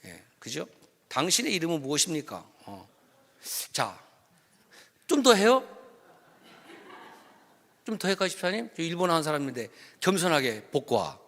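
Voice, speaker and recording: A male pastor leading a worship service in a church sanctuary, with a somewhat high, lively voice. His tone is bright and sharp, and he jokes with the congregation and prompts them to read along. The sound carries the long reverb of the hall. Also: unhurried, pauses often. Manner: playful, jokes with the congregation and leads them in reading aloud. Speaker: senior pastor. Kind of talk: sermon at a Friday worship service.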